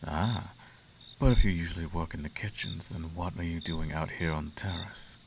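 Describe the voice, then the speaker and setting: In a low-pitched voice at a moderate pace, a man plays a suave, imperious demon prince in an intimate roleplay monologue, teasing and silky with grand formal phrasing. His mood is curious and flirtatious, and the background is noisy, with clear outdoor cricket ambience.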